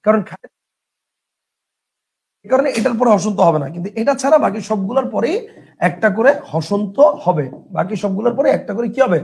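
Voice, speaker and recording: Young male teacher, high voice, drills lists by rote and quizzes the room. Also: lively intonation, moderate pace, vocal fry, pauses often, darkish tone. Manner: drills by chanting lists, asks and answers own questions. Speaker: grammar teacher. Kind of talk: classroom lecture.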